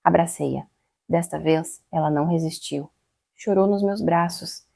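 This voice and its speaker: Low gravelly woman narrating a story. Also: measured pace, warm tone, dry recording. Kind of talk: first-person story narration.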